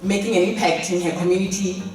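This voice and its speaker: A woman, a program fellow, presenting her group's view in an earnest, steady way. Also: mid-range voice, fast talker. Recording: very echoey room, mic far off.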